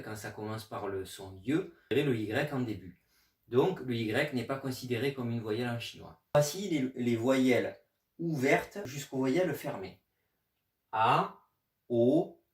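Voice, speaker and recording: Male teacher, patient explainer, spells letters out slowly; roomy echo, mic set back from the speaker. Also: mid-range voice. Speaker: Chinese language teacher. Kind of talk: explanatory video lesson. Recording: echoey room, mic at a distance.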